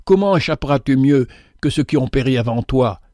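A man reading aloud voices a gentle, pleading stranger who captains a ship and urges others to follow him. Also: medium pitch, animated, brisk, no echo, studio quality, close to an everyday voice. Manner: pleading, urgent.

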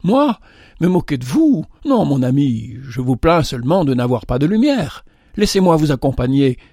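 A man voicing a calm, kindly male traveler who speaks in a gentle, reassuring way. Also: a little high, moderate pace, no echo, studio quality.

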